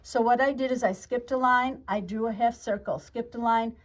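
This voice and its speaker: A woman giving a casual show-and-tell tutorial on her quilting projects, chatty, talking fast and a lot with frequent restarts. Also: a little high. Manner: chatty, talks fast and a lot, self-interrupting. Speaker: quilt shop co-owner showing projects.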